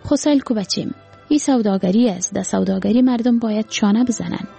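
Old banana seller with an afghan dari accent, gravelly and husky, bargaining street talk in a woman storyteller's voice. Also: medium pitch, dark tone, faint music behind. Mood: gentle. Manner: calls out wares and bargains in plain street talk. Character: old male banana seller, poor, proud and quiet.

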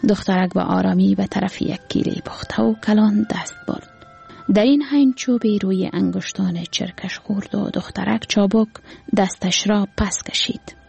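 A woman with an Afghan Dari accent narrating a story slowly, in a hushed, half-whispered voice. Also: mid-range voice, creaky, husky, faint music behind.

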